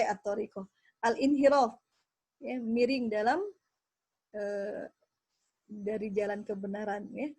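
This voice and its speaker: Slow, high-voiced Indonesian woman teacher. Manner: patient, repeats letters and sounds slowly for learners. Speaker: Quran recitation teacher. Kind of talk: tajwid lesson with modeled pronunciation.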